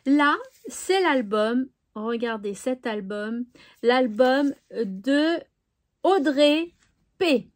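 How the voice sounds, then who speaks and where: A woman's voice: sits high, animated, extremely slow. A woman chatting cheerfully to viewers on her crafting channel, with little "hop" sounds as she sorts things. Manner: chatty, cheerful, says "hop" while sorting. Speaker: scrapbooking YouTuber. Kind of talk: casual vlog chat.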